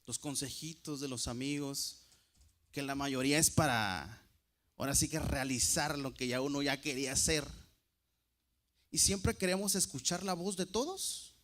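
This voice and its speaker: A man preaching a sermon to a congregation, calling them brothers and repeating key phrases slowly for emphasis. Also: mid-range voice, a bit bright.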